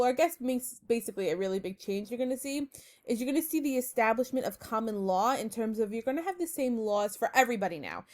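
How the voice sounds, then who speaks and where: A young woman teaching a casual recorded online lesson, her voice sitting a little high. She talks in a chatty, upbeat way, full of ums and asides, and speaks to her students like friends.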